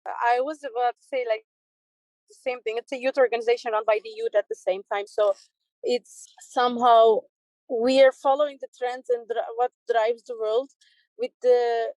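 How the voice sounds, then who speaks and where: A woman's voice: a little high, fairly even intonation, moderate pace, a little mellow, dry recording, low-quality recording. A woman from Turkey talking casually as a podcast guest over a video call. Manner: casual, uses many fillers like "like".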